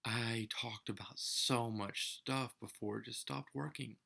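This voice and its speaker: A man's voice: medium pitch, steady tone, a little slow, creaky, bright, forceful tone, breathy edge. A young man talking casually to camera as a vlogger, rambling with some mock-grand theatrical turns.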